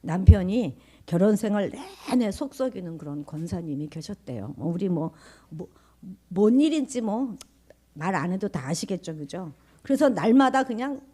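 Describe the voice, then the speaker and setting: A woman pastor preaching a sermon in church, swinging from raised, emphatic lines to hushed whispers and often putting questions to the congregation. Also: mid-range voice. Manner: conversational, asks the congregation questions.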